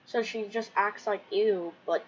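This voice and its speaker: Here a woman gamer offers relaxed, hesitant commentary as she streams her playthrough, talking through her thoughts. She speaks unhurriedly at a medium pitch in a steady tone, and the dull lo-fi microphone picks up faint noise.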